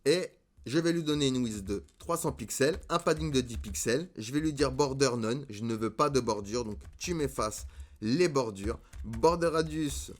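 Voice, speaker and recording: A man teaching coding step by step in a screen-recorded tutorial, talking in a relaxed way and often checking in with the viewer. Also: mid-range voice. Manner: relaxed, step-by-step with frequent "hop, nickel" and "d'accord?".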